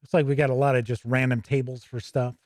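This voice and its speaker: This host of a tabletop gaming news and review show talks fast in a mid-range, slightly mellow voice with a level tone. Informal and thinking aloud, he walks viewers through a game book on a livestream, chatting as he goes. It's recorded at studio quality with no room sound.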